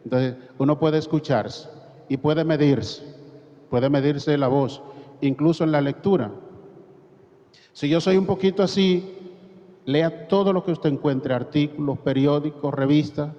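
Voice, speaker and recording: A man's voice: a little high, fairly even intonation, a little slow, warm tone. A man with a Dominican accent leading a parish training class, explaining points and asking rhetorical questions. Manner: didactic, poses rhetorical questions and demonstrates. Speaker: course facilitator. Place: parish hall. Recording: reverberant hall, dull lo-fi sound.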